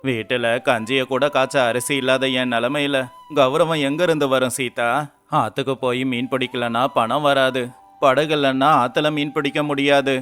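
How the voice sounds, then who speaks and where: A man's voice: medium pitch, fairly even intonation, moderate pace, a bit bright, soft background music, close to an everyday voice. A man voicing a humble, despairing poor fisherman. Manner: pleading, earnest.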